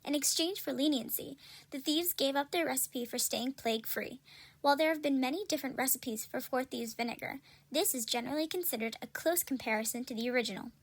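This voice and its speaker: A woman playing an upbeat, salesy pitchwoman in a parody pharmaceutical ad, persuasive and scripted. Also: a little fast. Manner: salesy, persuasive announcer delivery. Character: upbeat 17th-century female drug-commercial pitchwoman selling cures.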